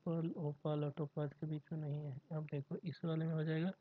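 Husky tutor on a tinny mic. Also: male voice, fairly high pitch, little pitch movement. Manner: reads questions slowly, rattles off solving steps in Hindi. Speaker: exam prep tutor. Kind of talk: solving mock test puzzles aloud. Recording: dry tinny phone-like audio.

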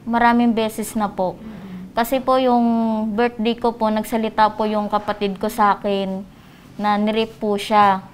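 A woman's voice: mid-range voice, level tone, measured pace, slight background noise. A young woman answers an interviewer's questions about her sibling politely and hesitantly. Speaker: complainant's sister.

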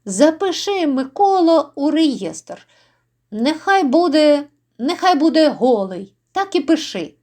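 A woman voicing a commanding older male rebel chieftain, speaking with authority and fatherly warmth. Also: high-pitched, big pitch swings, takes it slowly, voice pushed up, full character voice.

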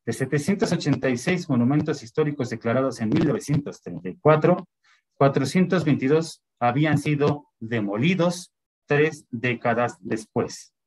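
A man's voice: a little high, normal speed, a little mellow. A man giving a lecture online, reading out dates and lists with many fillers.

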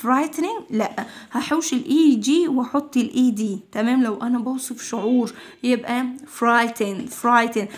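A woman with an Egyptian Arabic accent teaching English vocabulary to children, repeating each word patiently several times. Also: high voice.

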